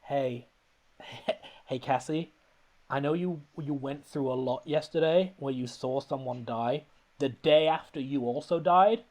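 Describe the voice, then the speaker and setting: A man voicing a gentle, hesitant uncle figure in a soft, halting, mocking way, a little lower than his own voice. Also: natural voice.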